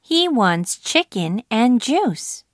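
A woman's voice: fairly high pitch, sing-song, drawn-out words, no echo, studio quality, exaggerated voice. A woman reading the part of a student in a textbook listening dialogue, over-enunciating each word. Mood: plain. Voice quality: careful over-enunciated delivery. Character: plain female student in an English dialogue. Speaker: dialogue speaker in a listening exercise.

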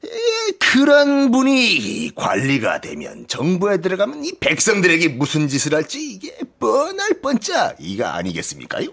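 A man's voice: fairly high pitch, huge pitch swings, normal speed, fairly bright tone, breathy edge, heavily acted. An actor playing a sly, scheming male servant in a radio drama reading, wheedling and theatrical. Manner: cunning, fawning, theatrical pleading.

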